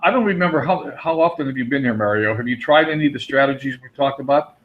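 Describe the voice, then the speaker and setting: A man with a Pennsylvania Dutch accent hosts a live webinar, chatting with viewers and calling on them by name. His medium-pitched voice is fast and expressive. The audio is dull and lo-fi.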